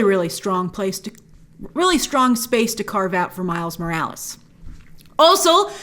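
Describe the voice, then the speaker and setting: Emphatically stressing key words, a female movie review host delivers pointed opinions right to the viewers. Her voice falls in the mid range with a slightly bright quality.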